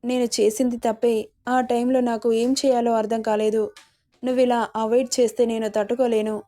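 A woman's voice: on the high side, flat delivery, moderate pace, mellow, close to an everyday voice. A woman voicing a tearful young woman who pleads and apologizes, in a spoken love story. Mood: pleading.

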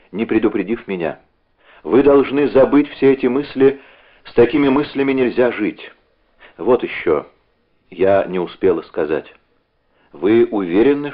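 A man reading as a pleading distraught woman. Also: on the low side. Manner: urgent, pleading. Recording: narrow phone-like audio.

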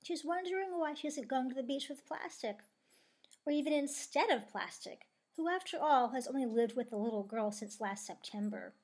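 A woman reading a children's book aloud with lively storytelling. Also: high voice, moderate pace. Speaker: reader.

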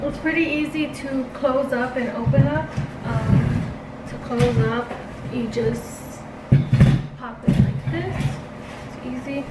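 A woman's voice: high-pitched, steady tone, takes it slowly, very noisy. A woman freelance makeup artist chatting casually in a vlog, full of "um" and "like". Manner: chatty, many fillers like "um" and "like".

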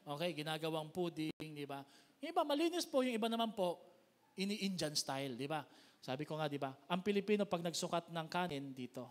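A Filipino man preaching a sermon as pastor, with big swings in pitch and loudness, recorded in a church hall. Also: big pitch swings, brisk. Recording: long hall reverb.

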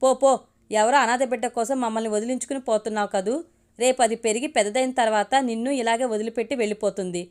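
Harsh scolding older brother, read by a woman, high-ish voice. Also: fairly even intonation, fast talker, a little mellow, lightly acted.

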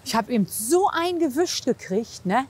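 Animated and husky, this high female voice belongs to a horse physiotherapist checking over a rider and mare outside. At normal speed she chats casually, encouraging and coaxing with colloquial praise.

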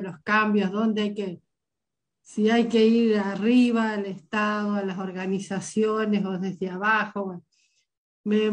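Older woman with a head cold. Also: mid-range voice. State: has a bad cold. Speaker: webinar participant. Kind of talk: informal spoken comment. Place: indoor room at home on a video call.

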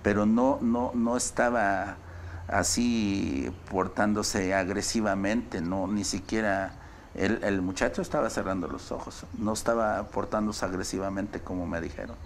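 A man with a low, gravelly voice tells a story from his healing work. He speaks earnestly and circles back over his words, with faint noise behind him. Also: steady tone, unhurried. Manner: earnest, repeats words, acts out quoted dialogue. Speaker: traditional healer. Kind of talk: recounted personal story.

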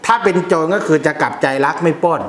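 A man's voice: a little high, quick pace, roomy sound. A man who teaches about amulets, explaining in a casual, blunt way with slang and jokes.

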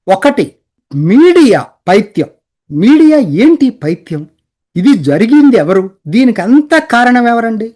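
A man delivering an emphatic, indignant political commentary monologue, firing off rhetorical questions and addressing listeners politely. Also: sits high.

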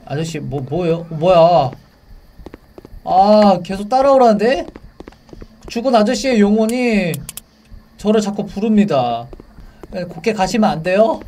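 A young man commentating a horror game for viewers, chatty and excitable, yelping and shouting when the game spooks him. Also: high voice, a little slow, long pauses, distant mic. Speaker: game streamer.

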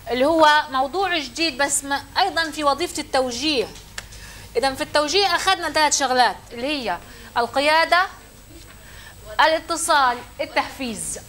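A woman's voice: sits high, a bit bright, a little hiss or hum. A woman lecturer, teaching a classroom and questioning her students.

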